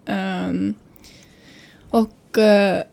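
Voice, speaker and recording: A woman's voice: mid-range voice, flat delivery, vocal fry. A young woman in her twenties, a podcast co-host recovering from a cold, chatting casually with many hesitations. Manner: hesitant, many fillers, trails off softly. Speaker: podcast co-host, psychology student. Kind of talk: casual chat.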